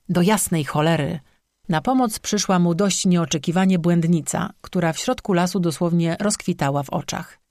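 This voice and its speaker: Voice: mid-range voice, a little mellow, dry recording, studio quality. An audiobook narrator reading an urban fantasy tale with a wry, sarcastic edge.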